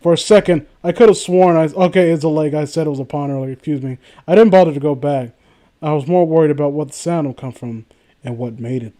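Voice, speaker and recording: This high-voiced male host reads a story aloud for laughs, breaking off from the narration to toss in incredulous, sarcastic commentary peppered with swearing. His pace is quick and his tone warm.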